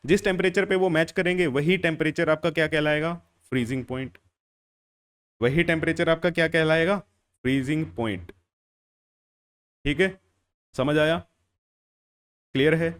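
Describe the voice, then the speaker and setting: A male chemistry teacher giving a lecture with a clear, smooth voice pitched a little above the usual for a man. He asks questions and answers them himself, repeats key phrases, and talks to the students in a familiar way. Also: moderate pace, pauses often. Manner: calls students "beta" and "bhaiya". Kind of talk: classroom lecture.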